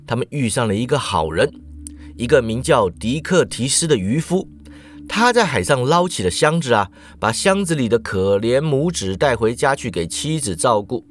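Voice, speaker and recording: A man's voice: medium pitch, a bit bright. A man hosting a podcast, retelling a Greek myth in a casual, chatty way with playful asides. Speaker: podcast host retelling myths. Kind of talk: casual storytelling narration.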